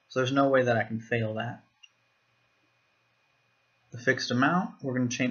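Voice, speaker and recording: A man giving a screen-recorded software walkthrough, explaining each step plainly. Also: mid-range voice, lo-fi sound. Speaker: software demo presenter.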